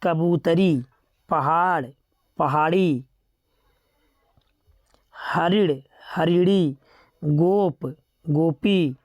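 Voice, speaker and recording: A teacher works through a grammar lesson in a steady, methodical rhythm, reading out pair after pair of words. The voice sits at an ordinary middle pitch and now and then breaks off to remind students to remember a tricky one. The sound is dry and close, with no room behind it. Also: drawn-out words, pauses often, no room sound, highs cut off.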